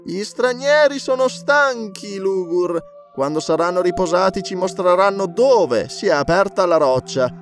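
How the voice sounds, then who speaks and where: A man voicing a proud, alluring woman priestess in an audiobook, speaking slowly in a raised, lilting voice. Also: lively intonation, music in the background. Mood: imperious. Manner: slow, lilting, high put-on voice.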